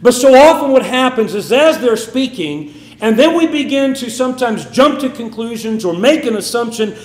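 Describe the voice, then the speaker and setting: A man's voice: extremely high pitch, reverberant. A man preaching a sermon with emphatic, swinging delivery. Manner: emphatic, rising and falling delivery.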